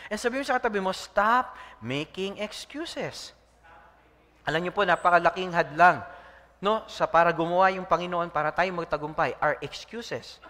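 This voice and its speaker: A man, a pastor preaching a lively sermon, often calling out to the congregation for a response. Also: high-pitched, fast, long reverb tail. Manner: preaching in mixed Tagalog and English, call-and-response with congregation.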